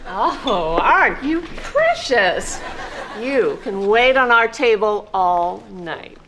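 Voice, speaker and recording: A woman's voice: medium pitch, very animated, slow, a bit bright, a little hiss or hum. An actress playing a chatty old lady who rambles on fondly about the old days in a sitcom scene. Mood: flattering. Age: older. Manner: rambling, nostalgic, amused. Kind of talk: sitcom acting.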